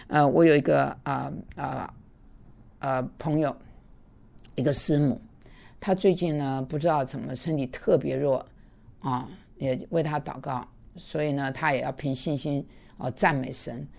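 A woman's voice: a bass voice, steady tone, a little slow, vocal fry, darkish tone. A woman teaching an online Bible class, earnest and conversational, slipping in English words now and then.

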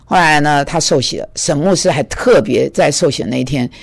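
Gravelly animated male preacher. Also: on the high side, fairly quick. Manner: animated storyteller, acts out dialogue, stammers when excited. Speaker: preacher giving testimony. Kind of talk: sermon testimony storytelling.

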